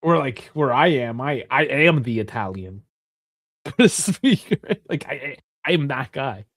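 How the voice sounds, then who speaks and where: Expressive and a little slow, a medium-pitched man with a fairly bright tone speaks on a dry, studio-quality recording. This Canadian in his thirties co-hosts a soccer watchalong, chatting loosely and rambling, swearing and laughing often.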